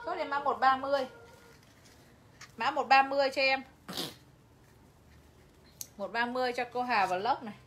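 A woman's voice: high voice, moderate pace, pauses often, a bit bright, slight background noise. A woman selling clothes on a livestream, chatty and talking straight to her viewers. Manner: chatty, addresses viewers directly, laughs often. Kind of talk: live sales pitch.

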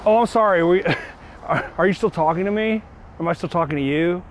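A man's voice: high voice, normal speed, a little hiss or hum, lightly acted. A young man playing a laid-back, goofy dude who returns shopping carts, rambling in an upbeat way outdoors in a parking lot. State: winded. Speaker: comedic character. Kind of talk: improvised comedy sketch.

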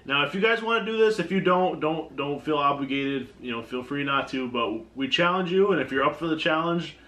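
A man's voice: a little high, animated, a little fast, sharp tone. Man chatting casually in an echoey room. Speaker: video host. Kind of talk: casual challenge vlog chat. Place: indoor kitchen at a counter. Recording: echoey room, background noise.

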